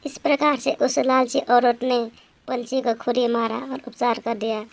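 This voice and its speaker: Gravelly-voiced woman narrating a storybook. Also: a little high, flat delivery, moderate pace.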